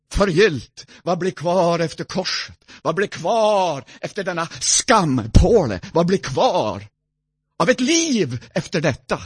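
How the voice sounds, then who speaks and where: A husky-voiced man preaches with a lively, rising and falling melody, his pitch on the higher side for a man. He drops to near-whispers, then bursts into loud, ringing calls. The sound is close and dry. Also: no echo. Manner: dramatic preaching, swings from soft to loud. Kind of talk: sermon.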